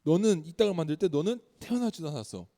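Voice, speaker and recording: A man's voice: fairly high pitch, very animated, fast, mellow, big-room sound. A man voicing God speaking out of a storm, commanding and stern, firing rhetorical questions in a children's sermon.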